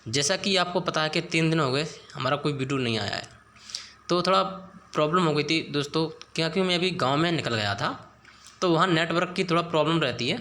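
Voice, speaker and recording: Young male exam coach, casual and repetitive, slightly high voice, faint background hum. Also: sharp tone. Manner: chatty, repeats questions to the viewer, checks in often. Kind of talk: casual Hindi exam-prep lesson with memory tricks. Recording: echoey room with faint ambience.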